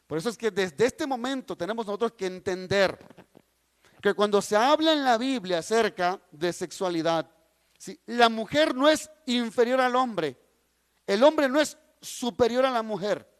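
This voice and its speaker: A man's voice: high-pitched, animated, normal speed, in a large hall. A man teaching a Bible class, reading scripture aloud and explaining it with repeated, emphatic phrases while addressing the listeners directly.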